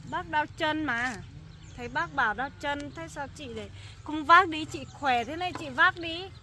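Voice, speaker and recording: A young woman plays a concerned bystander with a high, very bright voice, earnest and reproachful. She speaks outdoors, with faint rural noise behind her. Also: normal speed.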